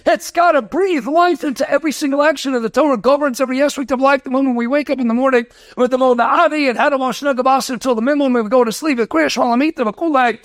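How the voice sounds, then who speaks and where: Speaking quickly in a very high male voice, a rabbi lectures on Torah to his class, drawing on Hebrew and Yiddish expressions. He tells stories and raises rhetorical questions, and the studio audio is clean with no echo.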